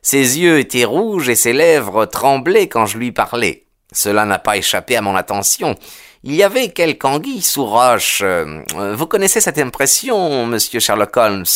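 A smug police detective, as an audiobook reader plays him, telling of his inquiry in a chatty, self-pleased way with small hesitations. His voice stays close to the narrator's own, with lively, animated intonation. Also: mid-range voice, normal speed. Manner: conversational, pleased with himself, hesitant fillers.

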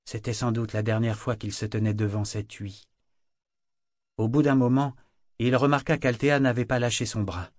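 A man narrating a novel in a measured, dramatic storytelling manner. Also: mid-range voice, steady tone, dry recording, clean studio sound. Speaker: audiobook narrator. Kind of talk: scripted narration.

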